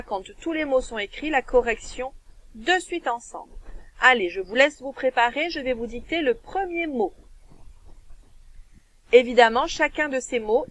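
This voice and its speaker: French woman teacher, higher voice, reads a dictation slowly and clearly for young pupils. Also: a bit bright, rough recording. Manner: slow, clear dictation, stretching words and syllables. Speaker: primary school teacher. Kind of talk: recorded dictation lesson for children.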